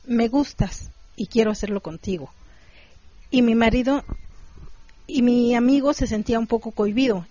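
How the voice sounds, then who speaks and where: A woman reading a first-person adult story in a steady, measured way. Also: fairly high pitch, no echo. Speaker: story narrator. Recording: dull, dry close recording.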